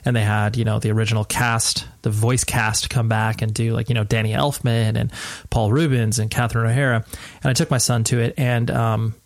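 Quiet late-night American man, very dry sound. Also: medium pitch, little pitch movement, brisk, no echo. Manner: keeping his voice quiet at night, restrained; rambling, informal, earnest. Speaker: podcast host. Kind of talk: casual podcast intro. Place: at home at night, next door to a sleeping person.

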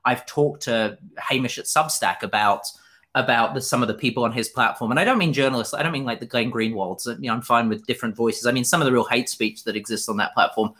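A man's voice: medium pitch, fast, pushed and bright. A man from Fife in Scotland with a British accent, answering as an interview guest in an earnest, candid, conversational way and often repeating words as he goes. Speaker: interview guest, journalist and author.

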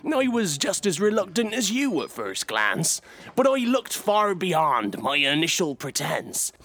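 A very old blind seafarer, spins rhymes with wily persuasion. His delivery is unhurried and rises and plunges dramatically, in the manner of an audio drama storyteller. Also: sits high, fairly bright tone, heavily acted.

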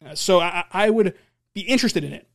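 A man's voice: high-pitched, lively intonation, fairly quick, vocal fry, a bit bright. A man hosting a casual basketball podcast, answering listener questions in a rambling, opinionated way, often repeating and restarting words. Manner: opinionated, confident. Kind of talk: casual solo talk show.

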